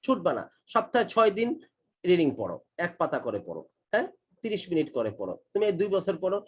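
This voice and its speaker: A man's voice: high-pitched, big pitch swings, brisk, husky. A middle-aged Bangladeshi man teaching kids English in an online class, emphatic and repeating his points, mixing English phrases into his speech. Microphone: online class call.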